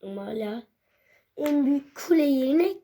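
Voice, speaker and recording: A woman's voice: high voice, expressive, moderate pace, warm tone. A young woman talking casually to her viewers while building a tower, pleading with it and often dropping to a whisper. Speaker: vlogger.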